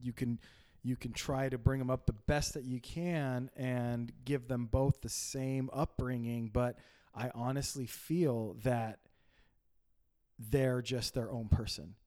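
A man's voice: mid-range voice, fairly even intonation, slow pace, warm tone. A man co-hosting a casual podcast, a father telling a story in a rambling way with many restarts. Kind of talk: casual chat.

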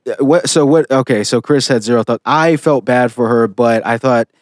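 A man's voice: mid-range voice, normal speed, no echo, studio quality. A man co-hosting a podcast in casual chat, blunt and opinionated, swearing freely and restarting his sentences often. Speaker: podcast co-host.

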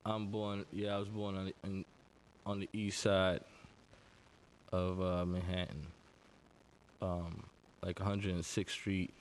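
A man's voice: sits low, little pitch movement, takes it slowly, pauses often, slight background noise. A man with a New York accent, a DJ guest chatting casually in an interview, modest and hesitant with lots of fillers. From New York City. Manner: laid-back, modest, hesitant with many fillers.

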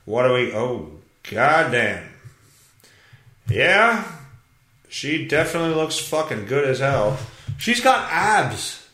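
A man's voice: mid-range voice, animated, takes it slowly, pauses often, sharp tone, echoey room. A man hosting a solo podcast, reading news headlines aloud and ranting about them in a blunt, profane, exasperated way. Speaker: podcast host.

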